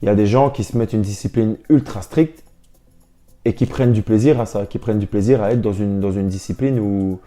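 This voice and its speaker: A young pro basketball player talks briskly in a fairly low, dark-toned voice, with faint music behind him. As an interview guest he stays informal and reflective, repeating words frequently while he constructs his sentences.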